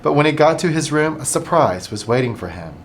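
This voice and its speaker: A middle-aged man, a school administrator, reading a picture book aloud to children in an animated, expressive way. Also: on the high side, brisk, a little hiss or hum.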